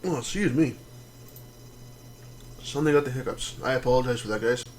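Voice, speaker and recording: A man's voice: medium pitch, a little fast, slight background noise. A man streaming a space game, explaining things casually with lots of ums and restarts. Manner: relaxed, rambling explanations with many fillers. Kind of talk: casual gameplay commentary.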